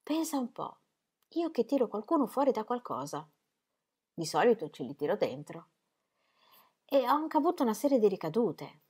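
A woman's voice: fairly high pitch, big pitch swings, moderate pace, long pauses, darkish tone, husky, pitched above the performer's own voice. A woman reading the part of a weary, charming man, a painter, in a languid, playful, theatrical manner. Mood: flirtatious.

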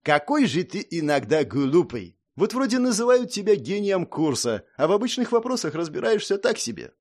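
A cheeky young highlander, put on by a man reading a storybook aloud, speaks in a high, bouncing voice. He teases and lectures with drawn-out exclamations and swaggering confidence. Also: big pitch swings, a little mellow, exaggerated voice. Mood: teasing.

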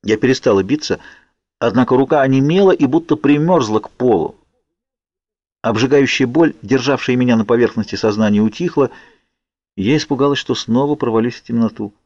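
Man, audiobook narrator, slow measured reading, dry sound, dull lo-fi recording. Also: mid-range voice, darkish tone, no echo.

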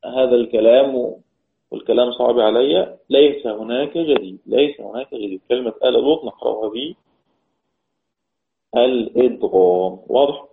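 A man's voice: mid-range voice, creaky. A man with an Egyptian accent teaching a Quran recitation lesson, explaining step by step and putting questions to his students. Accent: Egyptian Arabic. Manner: chants verse lines slowly. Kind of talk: recorded online lesson. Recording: tinny phone-like line.

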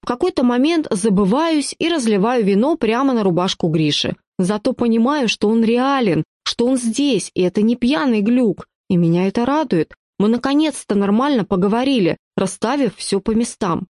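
A woman reading first-person audiobook narration with lively storytelling. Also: on the high side, normal speed, hardly any pauses, no echo, clean studio sound.

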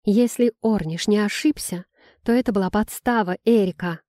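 A woman doing a bossy, quick-witted young redhead. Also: mid-range voice, warm tone, no echo, studio quality, close to an everyday voice. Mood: urgent. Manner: clipped, commanding delivery.

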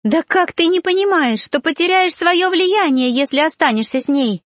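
A woman's voice: sits high, lively intonation, measured pace, no echo, clean studio sound, voice pushed up. A woman voicing a jealous, hysterical young noblewoman who shrieks and squeals.

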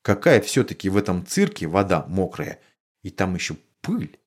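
A man's voice: deep voice, big pitch swings, moderate pace, husky, heavily acted. A man reading an audiobook, voicing a bumbling, good-natured middle-aged father who rambles sheepishly.

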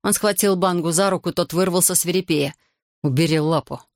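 An audiobook narrator reading a literary novel with dramatic, measured delivery in a mid-pitched voice. The recording is dry and close, with no room sound. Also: steady tone, dry recording.

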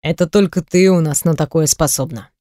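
A stern middle-aged husband, voiced by a woman narrator, gruff and commanding. The voice sits lower than her own, read close and dry, like audiobook dialogue. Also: a little fast, mellow, dry recording, lightly acted. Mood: weary.

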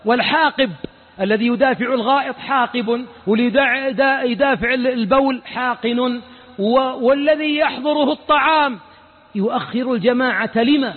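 A man's voice: extremely high pitch, normal speed. A man with a Saudi accent giving a colloquial mosque lesson as a sheikh, firing rhetorical questions at his listeners and acting out the people he quotes. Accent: Saudi Arabic. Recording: lo-fi phone-like audio with long reverb.

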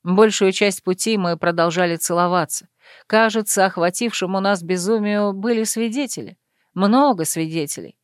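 A woman's voice: mid-range voice, normal speed, clear, resonant tone, dry recording. Woman narrating a romance audiobook, dry.

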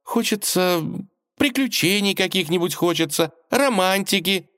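A man reading an audiobook, voicing a young princess who is bored, dreamy and headstrong, in a high, excitable, sing-song voice. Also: a little slow, no room sound, clean studio sound. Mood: sulky. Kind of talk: audiobook character voice.

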